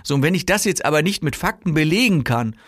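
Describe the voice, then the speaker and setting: A man's voice: fairly high pitch, animated, fast talker, a bit bright, dry recording, studio quality. A man coaching salespeople in a casual, chatty way, often acting out what customers and sellers say. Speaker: sales trainer.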